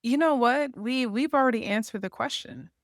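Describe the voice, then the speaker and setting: The speaker is a marketing association founder being interviewed on a podcast, her voice a little high and her pace moderate. She walks through her ideas step by step, checking in with "right?", and the studio sound is dry and clean.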